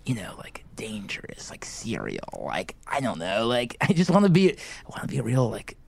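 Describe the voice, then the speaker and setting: A man's voice: fairly low pitch, wildly swooping pitch, normal speed, vocal fry, slightly rough, exaggerated voice. A man playing an awkward, eager teenage boy hosting a school podcast, whispering into a handheld mic in a library and rambling with lots of fillers. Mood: hushed excited. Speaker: podcast host. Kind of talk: scripted comedy podcast. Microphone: handheld microphone.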